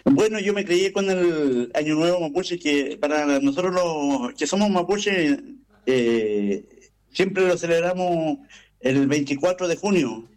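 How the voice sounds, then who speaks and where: A man's voice: fairly high pitch, expressive, unhurried, darkish tone, poor audio. A man from Chile, a radio guest who explains things hesitantly and with many filler sounds. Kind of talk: conversational explanation.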